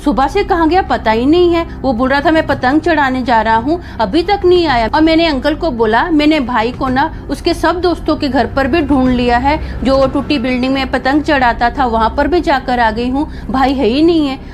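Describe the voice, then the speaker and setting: A woman's voice: high-pitched, moderate pace, few pauses. A young woman casually telling a first-person story, acting out the lines of the people in it. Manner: chatty, acts out quoted dialogue.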